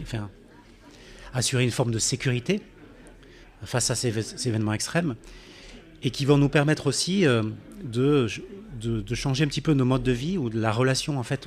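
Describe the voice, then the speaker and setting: A man's voice: mid-range voice, a little mellow. A man giving a public science talk in a café event room, hesitant with many fillers and restarts, sometimes drifting off the microphone. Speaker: climate scientist speaker. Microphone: handheld mic, drifting off it.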